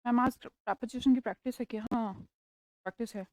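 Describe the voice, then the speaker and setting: A woman teacher with an Indian accent teaching English vocabulary in a live class, explaining patiently, checking often that the students follow, and slowing down for English examples. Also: on the high side, fairly even intonation, darkish tone, dry recording, low-quality recording.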